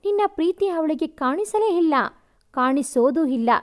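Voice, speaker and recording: A man's voice: extremely high pitch, lively intonation, moderate pace, voice pushed up. A woman voicing a cruel, boastful young male rival who taunts and mocks in a storybook narration. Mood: mocking. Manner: taunting, mocking.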